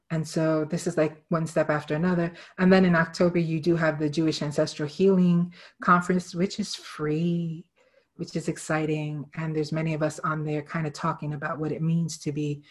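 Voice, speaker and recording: A woman facilitating an online group session, talking in short, relaxed phrases with fillers. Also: sits low. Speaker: workshop facilitator.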